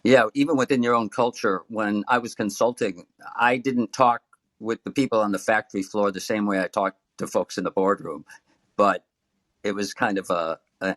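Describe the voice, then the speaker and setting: A man speaks casually as a panelist in a group conversation. His pitch is a little lower than average, and the recording is dry, without room echo. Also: a bit bright. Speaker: podcast panelist. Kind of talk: casual chat.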